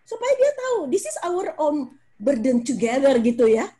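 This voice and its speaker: Casting: middle-aged woman, high voice, expressive parenting guest speaker. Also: moderate pace. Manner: expressive, acts out scolding parent in high voice, mixes English phrases. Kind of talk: animated talk-show explanation.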